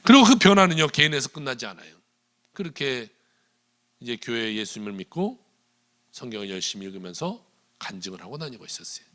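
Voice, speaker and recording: A male pastor preaching a sermon in a church, retelling a story with animated delivery and quoted dialogue. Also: medium pitch, fairly quick, long pauses. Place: church sanctuary.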